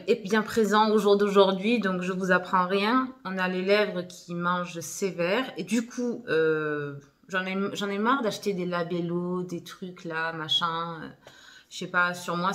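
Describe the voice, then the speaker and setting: A young woman vlogger chats casually at home through a shopping haul video, her voice on the low side and a bit bright. She's chatty and leans on lots of fillers, dropping in giggly little asides and laughs.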